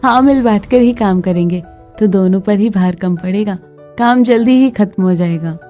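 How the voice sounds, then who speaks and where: A woman's voice: mid-range voice, moderate pace, mellow, soft background music, close to an everyday voice. A woman voicing a preachy, disapproving older aunt-in-law visiting the family in a skit. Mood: advising.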